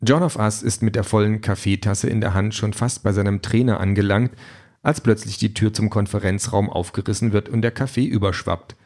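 A man narrating an audiobook chapter in a calm, even storytelling manner. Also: fairly low pitch, a little fast.

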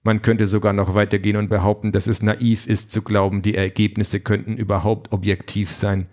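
A man voicing a calm, literal-minded android politician with a flat, matter-of-fact delivery. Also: fairly low pitch, brisk, lightly acted.

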